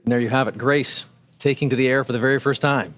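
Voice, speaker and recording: A man's voice: medium pitch, fairly even intonation, fast talker. A man co-hosting a live spaceflight webcast with an earnest, appreciative way of talking. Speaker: launch webcast co-host.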